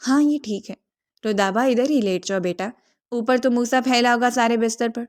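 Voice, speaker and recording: Motherly middle-aged woman, gently teasing, caring, storybook reading, voiced by the narrator, high-ish voice. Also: steady tone, lightly acted.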